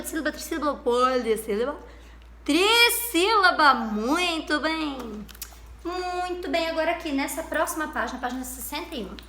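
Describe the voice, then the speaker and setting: Bright sing-song Brazilian woman teacher. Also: high-pitched, slight background noise. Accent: Brazilian Portuguese. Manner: patient, sing-song teacherly, stretching out syllables and praising. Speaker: primary school teacher. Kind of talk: recorded remote lesson for young children. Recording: roomy echo.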